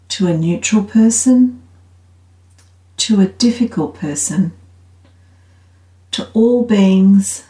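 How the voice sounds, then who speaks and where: Woman meditation guide, very slow pace, calm meditative tone, soothing, long pauses, roomy echo. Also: fairly low pitch. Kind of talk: guided loving-kindness meditation. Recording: roomy, slightly echoing sound.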